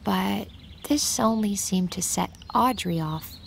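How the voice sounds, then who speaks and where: An earnest young girl narrating a radio drama as a loyal daughter. Her voice is mid-pitched and creaky, with faint noise behind it. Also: slow. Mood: earnest, reflective.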